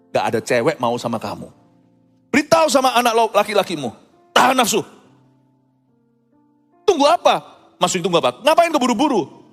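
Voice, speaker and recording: Middle-aged man, lively joking pastor voice, faint music under a reverberant church hall. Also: sits high. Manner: animated, joking and folksy. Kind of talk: sermon.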